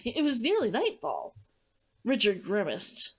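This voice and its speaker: Woman reading a story out loud, dramatic delivery, pitch moves around a lot. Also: wildly swooping pitch, a little slow, slightly rough. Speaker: streamer reading a novel aloud. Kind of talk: audiobook-style story narration.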